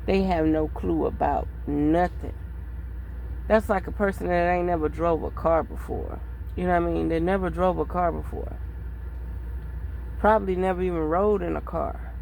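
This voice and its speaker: Blunt, gravelly woman in her thirties. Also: lowish voice, steady tone, moderate pace, a little mellow, slight background noise, poor audio. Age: 30s. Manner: blunt, profane, rambling talk. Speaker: vlogger. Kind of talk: casual vlog monologue.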